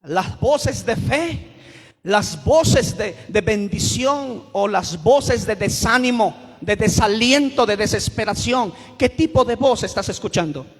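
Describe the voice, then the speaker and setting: A male pastor delivering a sermon, breaking into sudden shouts for emphasis. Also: sits high, expressive, slow pace, in a large hall.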